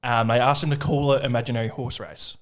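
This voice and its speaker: Aussie guest, mid pitch, plain and easygoing. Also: male voice, fairly even intonation, fast talker. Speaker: podcast guest, former footballer. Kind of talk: casual chat.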